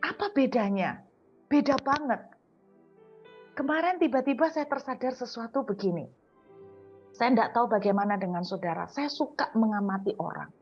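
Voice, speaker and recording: A woman preacher with an East Javanese accent gives a morning devotional sermon in a conversational way, slowing down to stress key words. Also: a little high, expressive, muffled recording, soft background music. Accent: East Javanese Indonesian. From Surabaya, East Java.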